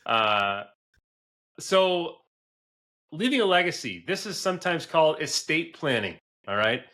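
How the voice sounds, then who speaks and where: With a slightly high, bright, forceful voice that's very animated yet measured in pace, a forty-year-old man hosts a business advice podcast. The advisor is conversational, earnest and emphatic, and keeps checking in with "right?".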